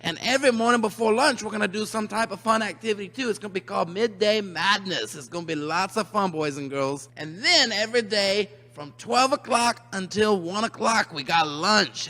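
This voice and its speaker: A man's voice: sits high, bright, forceful tone. A man presenting to children in a comic rules announcement, mock-earnest, emphatic and repetitive. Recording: long hall reverb.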